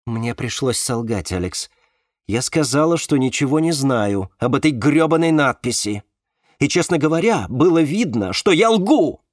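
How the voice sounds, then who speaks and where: A man's voice: mid-range voice, sing-song, normal speed, no room sound, clean studio sound, natural voice. A man reading an audiobook, voicing an angry, sarcastic young woman. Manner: sarcastic, snapping, voice breaking when shouting. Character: bitter, angry young woman, sharp-tongued.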